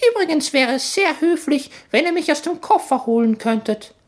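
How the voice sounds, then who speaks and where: A man's voice: extremely high pitch, lively intonation, moderate pace, pitched above the performer's own voice. A man voicing a smug, overly polite talking baby who knows it all, in a storybook reading. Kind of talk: storybook narration.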